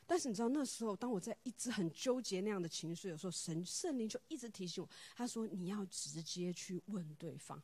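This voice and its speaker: A woman giving a personal devotional talk, telling stories in an animated way and acting out the dialogue. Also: medium pitch, fast talker, hardly any pauses, no room sound.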